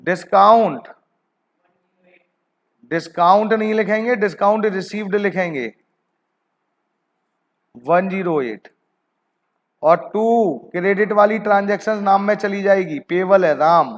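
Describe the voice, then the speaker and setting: A man's voice: sits high, unhurried, pauses often. A man teaching an online accounting class, coaxing his students with repeated questions and calling them "beta ji". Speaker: commerce teacher.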